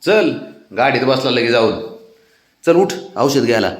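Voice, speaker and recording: Male pet owner, slow, animated sing-song coaxing of his cats. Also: mid-range voice. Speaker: cat owner. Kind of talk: casual vlog talk to pets.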